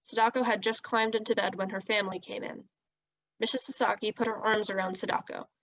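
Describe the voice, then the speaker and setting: A woman reading a children's novel aloud, with steady, expressive storytelling. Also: medium pitch, fairly quick, a little hiss or hum, low-quality recording. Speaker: reader.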